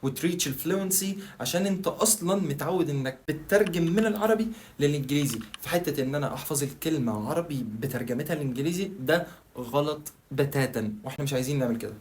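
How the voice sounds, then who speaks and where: A man with an Egyptian Arabic accent and a slightly high, animated, darkish-toned voice speaks at a quick pace over slight background noise. A language-learning video creator, he gives a casual tutorial, chatting straight to the viewer and posing questions to himself that he then answers.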